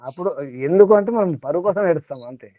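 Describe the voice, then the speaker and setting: A man's voice: high voice, lively intonation, fast talker, dry recording. A man teaching a small group in a spiritual talk, repeating his points and asking rhetorical questions. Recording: tinny phone-like dry sound.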